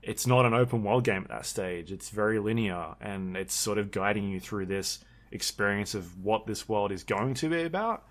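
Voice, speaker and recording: Rambling man with a low voice. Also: lively intonation, moderate pace, few pauses. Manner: rambling, with many ums and restarts. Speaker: podcast co-host. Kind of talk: casual chat.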